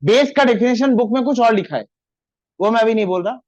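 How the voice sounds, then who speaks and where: High-voiced man teaching a chemistry class. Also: a little mellow, dry recording, rough recording. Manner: dictates formulas slowly, scolds students for chatting. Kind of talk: classroom lecture.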